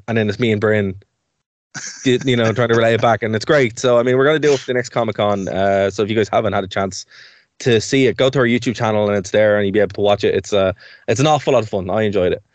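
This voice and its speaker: This young man from Ireland co-hosts casual chat on community radio, talking fast in a voice on the low side. He's chatty and rambling, quick to laugh between points, and the recording has no room sound.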